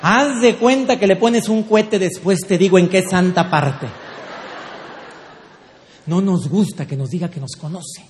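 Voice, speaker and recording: A man teases his audience in a humorous talk about couples and slips into acted scenes. His voice is high and carries through a large hall with long reverb and a faint hum behind it. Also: measured pace, pauses often. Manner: playful, teasing, acts out scenes. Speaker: speaker on couples and marriage. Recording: echoey hall with faint background noise.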